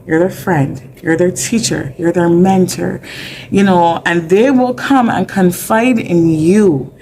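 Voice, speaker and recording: Her lowish voice is warm, and she takes her time. She's a middle-aged mental health advocate from Barbados, a guest in a relaxed interview, speaking openly and leaning heavily on fillers.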